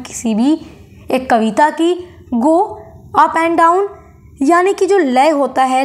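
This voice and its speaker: A woman teaching a literature lesson, glossing each term and reading English notes aloud slowly. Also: sits high. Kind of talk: exam-prep lecture.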